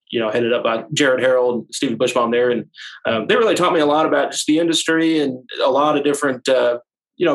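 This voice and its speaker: Young male guest from the Houston area, mid-pitched voice, casual conversational answers. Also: low-quality recording. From Houston area, Texas. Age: young adult. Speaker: guest, real estate broker. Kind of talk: casual interview chat.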